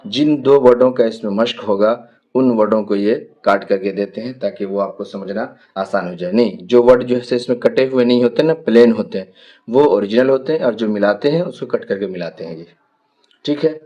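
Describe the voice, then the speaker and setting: A man teaching a Quran reading lesson, stretching out each letter name, then explaining quickly in between. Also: fairly low pitch, warm tone, highs cut off. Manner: drawn-out letter names called slowly, then quick explanations. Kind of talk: teaching a Noorani Qaida lesson.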